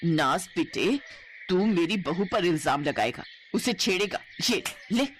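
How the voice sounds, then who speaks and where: A woman voicing a gentle, loving middle-aged mother-in-law in a cartoon story, speaking in a soft, soothing way. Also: on the low side, lively intonation, unhurried, slight background noise. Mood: angry.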